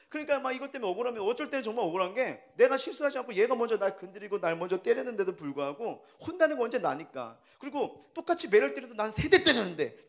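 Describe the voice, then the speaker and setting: A man preaching a sermon as pastor, telling a story with laughter and acted-out dialogue. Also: high-pitched. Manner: lively storytelling, acting out family quarrels with laughter. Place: church sanctuary.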